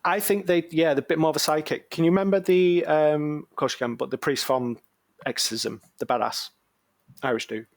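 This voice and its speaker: Guy on a podcast, gravelly and croaky, lots of ums and slang, dry sound. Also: on the high side, fairly even intonation, brisk, no echo. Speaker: podcast co-host. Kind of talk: casual podcast chat.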